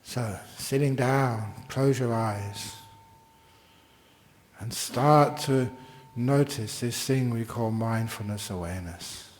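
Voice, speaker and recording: A man teaching meditation, giving slow, gentle guided meditation instructions with long, unhurried pauses. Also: mid-range voice, a little hiss or hum.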